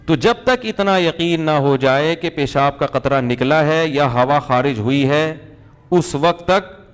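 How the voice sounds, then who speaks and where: A man's voice: a little high, smooth. A man as a religious cleric answering listeners' questions in a colloquial, humorous way, full of anecdotes. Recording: reverberant hall.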